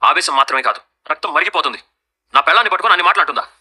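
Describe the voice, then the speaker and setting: An actor playing a hot-headed young husband, angry and commanding, in a TV serial. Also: male voice, on the high side, expressive, racing, bright, forceful tone, husky, exaggerated voice. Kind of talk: TV serial acting.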